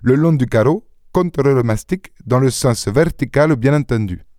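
Brief: male reader doing a composed, faintly dogmatic gentleman detective in an audiobook, mid-range voice, dry studio sound. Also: mid-range voice, normal speed, no echo, voice pushed up, lightly acted. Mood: insistent. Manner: calm, assured, slightly lecturing. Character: calm, self-assured gentleman sleuth, dogmatic.

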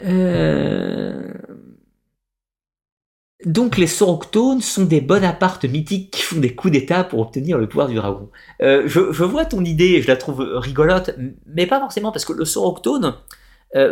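A man's voice: mid-range voice, a little mellow. Hesitant French-speaking man explaining on a live stream. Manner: digressive explainer with frequent hesitations. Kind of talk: live-stream talk answering chat comments.

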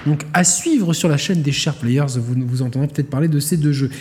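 A man's voice: fairly high pitch, fairly quick, a little mellow, big-room sound, a little hiss or hum. A man co-hosting a casual gaming podcast, rambling with many fillers and restarts. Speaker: podcast co-host.

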